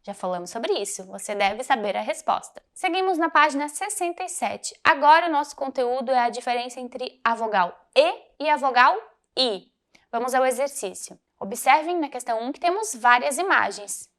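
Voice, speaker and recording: A woman teacher working through a textbook lesson one exercise at a time, explaining in a clear, patient way. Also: sits high, lively intonation, moderate pace, a bit bright. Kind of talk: recorded class walkthrough.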